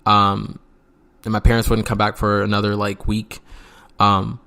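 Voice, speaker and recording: A man's voice: fairly low pitch, completely flat delivery, measured pace, vocal fry, pushed and bright. A young man casually telling a story from his youth, rambling with lots of fillers and frequent swearing. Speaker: vlogger.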